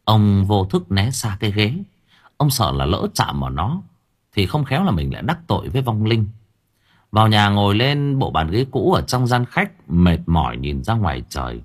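A man's voice: fairly low pitch, very animated, normal speed, slightly rough. A man reading a horror story aloud as an audiobook narrator, with dramatic, suspenseful delivery.

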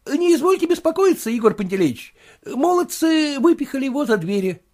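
Man doing a high fawning shop clerk. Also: very animated, a little fast, a little mellow. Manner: deferential, fawning politeness. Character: obsequious male shop clerk, fawning and eager.

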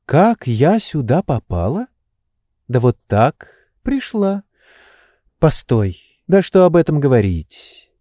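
A playful young woman who teases and dodges questions, voiced by a man reading a storybook aloud. The voice is lifted well above his own, dark in tone and lively in its swings of pitch, with a close, dry sound. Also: takes it slowly, pauses often, no room sound. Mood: teasing. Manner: teasing, capricious. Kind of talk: audiobook reading.

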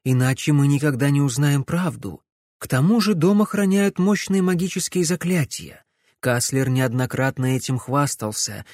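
A man's voice: on the high side, animated, darkish tone, dry recording, clean studio sound, lightly acted. Man voicing a worried, dignified lady. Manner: worried, measured.

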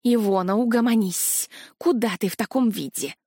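A woman's voice: fairly high pitch, normal speed, darkish tone, husky, dry recording, studio quality. A woman voicing a fussy ghost dragoness. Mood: doting. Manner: strict then doting, scolding. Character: fussy motherly ghostly dragoness guardian, female.

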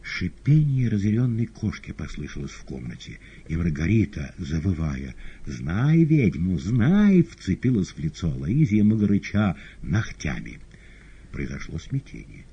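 A man narrating an audiobook in an expressive, theatrical reading. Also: low voice, normal speed, vocal fry, slightly rough. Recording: dull lo-fi audio.

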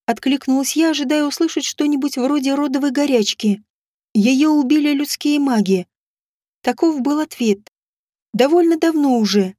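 Woman, audiobook narration, first person, measured, steady, high pitch, mellow tone. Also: no echo, clean studio sound.

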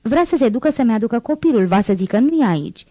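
A woman's voice: a little high, expressive, mellow, no echo, pitched above the performer's own voice. A woman reading an audiobook voices a desperate, sick young mother who pleads frantically. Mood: frantic.

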